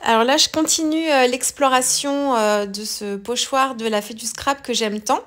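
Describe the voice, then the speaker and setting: A woman's voice: a little high, moderate pace, fairly bright tone. A woman hosting a craft tutorial in a casual voice-over, chatty and full of hesitations and small self-corrections. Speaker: scrapbooking tutorial host.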